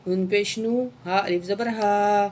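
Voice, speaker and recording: A woman teaching Quran reading who spells out each letter and vowel mark, then slowly recites each word and stretches it out, often stopping to say "okay". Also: medium pitch, steady tone, darkish tone. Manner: often adds a checking "okay" after each rule.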